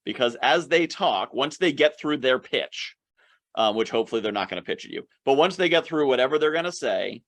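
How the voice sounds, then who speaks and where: A man's voice: mid-range voice, expressive, fairly quick, a bit bright. A man giving an online summit presentation on networking, talking casually and acting out quoted conversations. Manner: conversational, acts out quoted dialogue. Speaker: speaker on networking.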